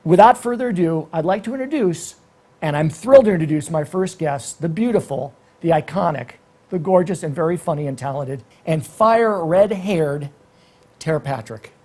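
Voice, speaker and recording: A man's voice: a little high, lively intonation, normal speed, a little mellow. A man hosting a casual interview show, effusive and rambling as he introduces and questions his guest. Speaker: talk show host.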